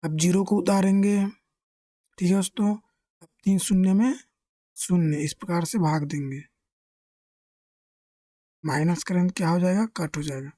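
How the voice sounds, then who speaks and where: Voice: mid-range voice, fairly even intonation, normal speed, long pauses, warm tone, dry recording, clean studio sound. A maths teacher giving a step-by-step lesson, asking questions and answering them, and keeping to a friendly address to the viewers. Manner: keeps addressing listeners as friends.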